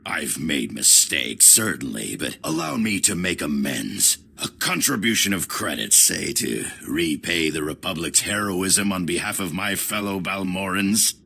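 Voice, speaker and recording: A man's voice: low voice, big pitch swings, a little slow, gravelly, hardly any pauses, pushed and bright, slightly rough, heavily acted. An actor playing a cowardly, greedy male Imperial official who blusters and then grovels. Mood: fawning.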